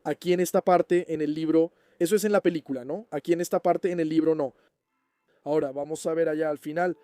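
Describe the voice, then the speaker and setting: A man's voice: on the high side, fairly even intonation, brisk, dark tone, clear, resonant tone, no echo. A man hosting a fan channel, casually answering viewer questions and checking in with the listener as he explains. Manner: chatty, keeps checking in with the listener.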